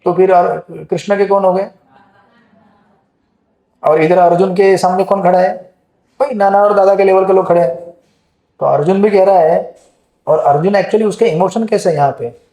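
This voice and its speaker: A man teaches a scripture class in a chatty, questioning way, with a high voice for a man. His tone is mellow, and the hall gives it a roomy echo. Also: normal speed, long pauses. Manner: conversational, asks the audience questions. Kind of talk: Gita class lecture. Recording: echoey hall.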